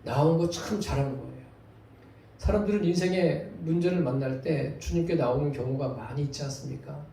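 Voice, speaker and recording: A man's voice: a little high, brisk, creaky, warm tone, a little hiss or hum. A male pastor preaching a sermon in a church, asking the congregation rhetorical questions. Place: church sanctuary. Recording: very echoey church hall, voice from far off.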